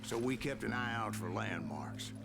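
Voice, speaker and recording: A grizzled old gunslinger spins his tale, gravelly and drawling, his pitch rising and falling with each turn of the story. Loud game music plays under his narration. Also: lively intonation, moderate pace. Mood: reminiscing. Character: grizzled old male gunslinger recounting the past.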